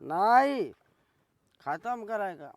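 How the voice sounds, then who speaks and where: A man's voice: high voice, sing-song, drawn-out words, gravelly, no room sound, full character voice. A man with an Awadhi accent playing a pushy, evasive drunk village husband in an amateur comedy skit, with tipsy wheedling. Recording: faint background noise.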